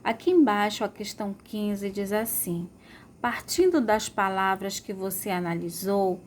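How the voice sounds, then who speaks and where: A woman's voice: mid-range voice, unhurried, a little hiss or hum. A woman teaching a remote school lesson, stretching out words to model their sounds and checking in with pupils often.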